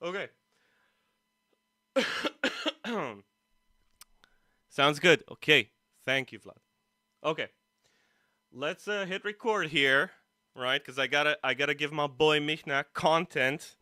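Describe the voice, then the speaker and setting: His fairly high voice is pushed and bright, slow and full of long pauses, recorded clean with no echo. Hosting an easygoing guitar livestream, he teases himself and wanders off into asides, while music plays and his streaming mic sits in a poor spot.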